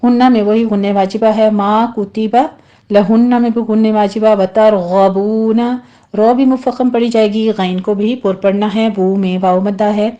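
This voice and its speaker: A woman's voice: mid-range voice, little pitch movement, mellow, dull audio. A woman teaching Quran recitation rules step by step, patiently explaining each sound and modelling the correct pronunciation. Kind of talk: tajweed lesson.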